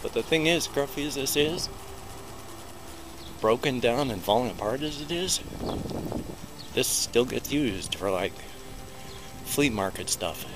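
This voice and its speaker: This middle-aged American man has a medium-pitched, expressive voice and speaks a little slowly, with long pauses, over music. He's vlogging casually on foot beside a busy road in a small town, rambling and self-deprecating, with a small recorder held close to his mouth and loud traffic going by.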